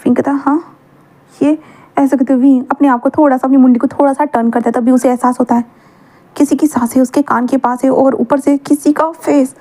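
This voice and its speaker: A woman's voice: sits high, level tone, quick pace, mellow. A woman casually retelling a fan fiction story, mixing English words into her narration.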